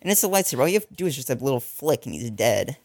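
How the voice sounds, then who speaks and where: A man's voice: mid-range voice, big pitch swings, racing, a little mellow, dry recording. A man joking and swearing casually as he comments on a film with a friend. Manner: jokey, swears a lot, acts out silly quoted voices. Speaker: co-host watching a film. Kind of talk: casual movie commentary chat.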